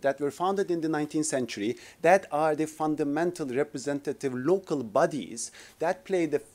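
A man's voice: mid-range voice, dark tone. A man from Turkey in his forties, responding as a discussant on a conference panel, hesitating often with fillers and restarts, speaking from a podium in a lecture hall. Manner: hesitant, many filler restarts, gestures with notes. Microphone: podium microphone.

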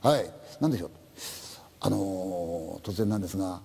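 A man voicing a hesitant, overly polite male police officer, speaking in a halting, hushed way. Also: sits low, vocal fry, breathy edge, pitched below the performer's own voice, exaggerated voice. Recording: long hall reverb.

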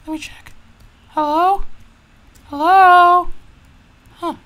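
A woman voicing Mario as a jittery, excitable young male racer who stammers, repeats himself and frets aloud in a fan-made toy video. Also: very high-pitched, slow pace, exaggerated voice. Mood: nervous.

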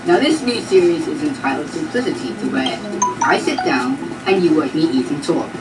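An upbeat male video host, put on by a woman, runs through a scripted intro in a lowish voice. He sounds set back from the mic. Music plays behind him. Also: big pitch swings, normal speed, recorded from a distance, poor audio.

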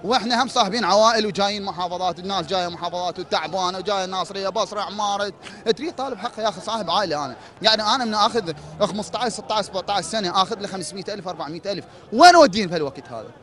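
A man's voice: high voice, very fast, fairly bright tone. A man with an Iraqi accent speaking outdoors at a street protest, pleading and repeating rhetorical questions as a hospital administrative worker. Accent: Iraqi Arabic. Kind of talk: impassioned street protest speech.

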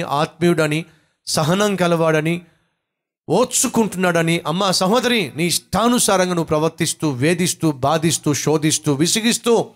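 Emphatic Telugu preacher man. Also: on the high side. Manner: emphatic preaching in short repeated phrases. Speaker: pastor. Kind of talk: sermon.

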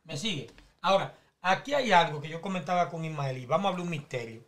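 High-voiced man explaining scripture. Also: lively intonation, fast talker, fairly bright tone. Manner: teaching, explains Bible stories step by step. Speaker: preacher in panel talk.

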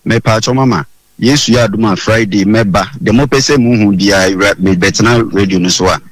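A man's voice: on the low side, fairly quick, no room sound. Pleading Ghanaian man on a call. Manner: pleading, evasive, repeating polite apologies. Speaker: pastor calling in. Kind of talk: phone-in call.

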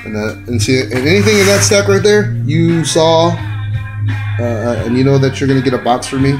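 A man with a Texan accent, a toy car collector, talking casually and excitedly to himself as he shows off his finds, with music playing behind him. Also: medium pitch, normal speed, poor audio. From Texas. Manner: excited, rambling, talks to himself while handling toys. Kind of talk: casual unboxing vlog.

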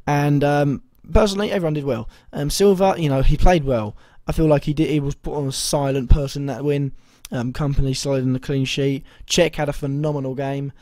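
A young man speaks in a warm, relaxed tone that is a little hoarse as his voice recovers. He rambles casually, hesitating often and correcting himself mid-sentence. The sound is dry and close, with no room around it. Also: a little high, a little fast, few pauses, dry recording. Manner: rambling, hesitant, full of ums and self-corrections. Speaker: fantasy football vlogger. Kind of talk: casual video commentary.

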